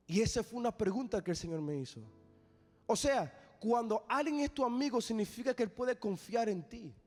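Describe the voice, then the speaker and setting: High-voiced preacher man in a reverberant hall. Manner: impassioned, rises to sung shouts. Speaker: evangelist preacher. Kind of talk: sermon. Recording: long church hall reverb.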